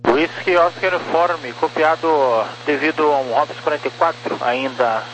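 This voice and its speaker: A man's voice: a little high, fairly even intonation, normal speed, a bit bright. Brazilian male controller on faintly noisy radio. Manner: terse procedural instructions with phonetic call signs. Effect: two-way radio transmission. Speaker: air traffic controller. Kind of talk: air traffic radio communication.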